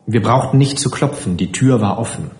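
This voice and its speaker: A man reading a literary story aloud in a calm, measured narration. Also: medium pitch, echoey room. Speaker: audiobook reader.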